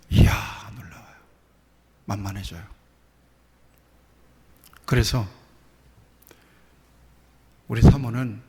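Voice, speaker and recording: A man, a church pastor, preaching a sermon in a conversational way, asking the congregation questions and acting out short prayers. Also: medium pitch. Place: church sanctuary. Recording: long hall reverb.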